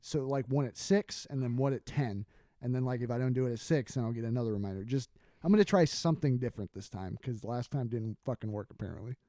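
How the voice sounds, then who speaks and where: Mellow-voiced man, teasing host. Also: mid-range voice, fast, no room sound, studio quality. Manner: teasing, swears casually. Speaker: podcast host. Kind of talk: casual chat.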